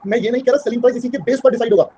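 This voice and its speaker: A man's voice: extremely high pitch, rapid-fire, warm tone, slight background noise. A man teaching an online class in a mix of Hindi and English. He keeps checking that the students understand and calls them "beta".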